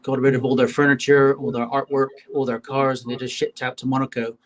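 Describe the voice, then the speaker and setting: A man's voice: mid-range voice, level tone, brisk. A man, a guest chatting on a call, leaning on "you know" and frequent "uh". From England. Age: 50s. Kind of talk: casual interview on a call.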